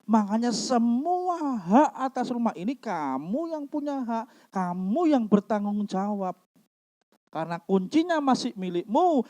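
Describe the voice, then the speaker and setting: A male pastor preaches a lively sermon in church, his pitch rising and falling freely as he acts out quoted voices. His tone is dark and mellow, and he slips between Indonesian and phrasing.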